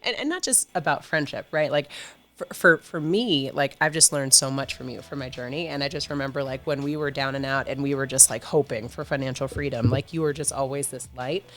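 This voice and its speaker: A woman's voice: extremely low pitch, a little fast, fairly bright tone. A woman guest in casual chat, emotional and effusive, laughing often.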